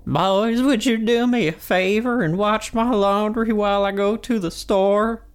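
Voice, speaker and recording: A man's voice: sits high, fairly even intonation, a little slow, clear, resonant tone, soft background music, pitched above the performer's own voice. A man voicing a frail old woman who is hard of hearing, with a quavering voice. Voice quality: shaky, quavering.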